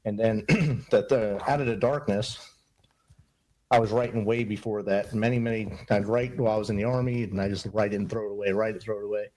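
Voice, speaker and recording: A man's voice: on the low side, steady tone, fairly quick, a little mellow. A middle-aged man, a podcast guest, speaking in an earnest, upbeat and motivational way in a casual interview. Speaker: podcast guest, Army veteran and mentor.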